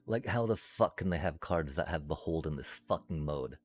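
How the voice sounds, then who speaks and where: A man's voice: extremely low pitch, expressive, normal speed, soft background music. A man streaming a card game, ranting profanely with frustrated laughs between lines. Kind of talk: casual gameplay commentary.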